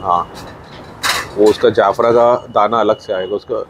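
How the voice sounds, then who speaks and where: A man's voice: fairly low pitch, fairly even intonation, measured pace, dull audio, slight background noise. Man with a Mumbai accent vlogging his farm. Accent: Mumbai Hindi. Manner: chatty, points things out, mixes in English words. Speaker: farm owner filming his buffalo feeding. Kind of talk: casual walkthrough vlog narration. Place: outdoor farm sheds.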